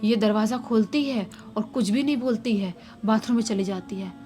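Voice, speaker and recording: A woman casually retelling a subscriber's horror story in a lively way, acting out the shouted quotes. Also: a little high, normal speed. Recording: faint music underneath.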